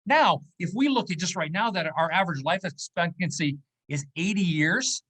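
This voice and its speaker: High-voiced and animated at a normal pace, this fifties-aged male business owner sounds fairly bright. As an interview guest, he talks things through conversationally and checks in with "okay?" and "right?".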